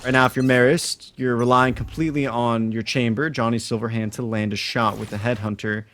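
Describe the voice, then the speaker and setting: A man giving live esports commentary, explaining tactics in a measured, detailed way. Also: medium pitch, fairly even intonation, a bit bright.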